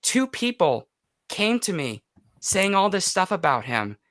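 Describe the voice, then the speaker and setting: An American man in his twenties, a YouTuber and voice actor, speaks candidly as a podcast guest, emotional and emphatic, repeating phrases for stress. His high, sing-song voice is fairly bright and measured in pace, recorded dry with clean studio sound.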